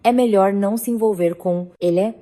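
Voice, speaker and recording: A man's voice: high-pitched, warm tone, close to an everyday voice. Woman reading as a grave, wary older lawyer. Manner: slow, grave, few words.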